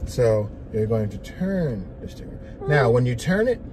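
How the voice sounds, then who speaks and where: A man with a mid-pitched voice gives a driving lesson as the instructor. He speaks in short, directive commands and repeats them. The recording has clear vehicle noise around him. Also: sing-song, normal speed, a little mellow. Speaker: driving instructor, teaching a learner. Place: inside a parked or slowly moving van. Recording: noisy inside a vehicle.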